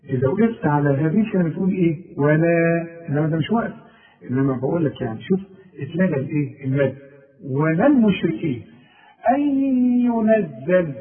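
High-voiced Egyptian man teaching Quran recitation. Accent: Egyptian Arabic. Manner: slow drawn-out recitation between quick corrective explanations. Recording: tinny phone-like sound.

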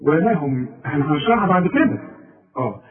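A man with an Egyptian accent teaching tajweed, patiently explaining rules and slowly repeating words to demonstrate them. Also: a little high, sing-song, phone-quality sound. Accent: Egyptian Arabic. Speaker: Quran recitation teacher. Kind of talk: tajweed lesson with recited examples.

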